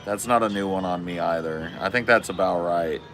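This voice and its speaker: A man's voice: sits low, brisk, a bit bright, soft background music. A man in his forties chatting casually on a live stream, laid-back and slangy, swearing often. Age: 40s. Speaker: streamer reading chat.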